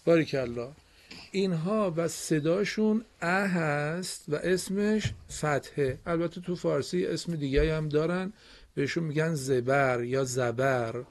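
A man teaching a broadcast reading lesson to children, explaining slowly and patiently and praising his pupils often. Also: on the high side.

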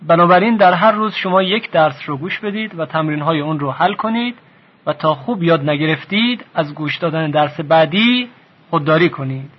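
Patient male teacher on a muffled cassette lesson, slightly high voice, spells out each letter with care. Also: breathy edge. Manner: slow, deliberate, sounding out letters one by one; polite and formal toward listeners. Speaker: Quran reading teacher. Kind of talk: taped instructional lesson. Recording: dull lo-fi cassette tape recording.

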